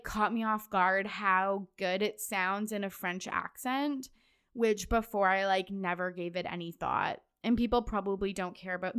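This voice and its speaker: A woman's voice: mid-range voice, a bit bright, smooth. A woman in her twenties hosting a casual solo podcast, chatty and loose, with lots of fillers and sudden laughs. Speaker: podcast host.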